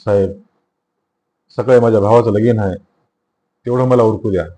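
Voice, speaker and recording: A man's voice: on the low side, fairly even intonation, moderate pace, mellow, close to an everyday voice. A man reading the lines of a proud village headman under arrest in a storybook narration. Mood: pleading. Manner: indignant then pleading.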